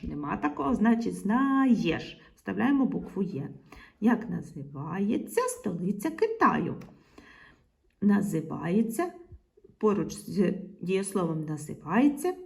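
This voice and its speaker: A woman's voice: medium pitch, vocal fry, darkish tone. A woman teacher, patiently explaining a grammar lesson to young pupils, sometimes dropping to a half-whisper. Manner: slow, patient explaining to children, often half-whispered asides. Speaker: primary school teacher.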